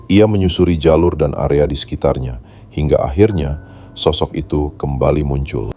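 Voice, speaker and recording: A man's voice: extremely low pitch, moderate pace, dark tone. A man reading a scripted horror story as narrator, in a solemn, dramatic storytelling manner.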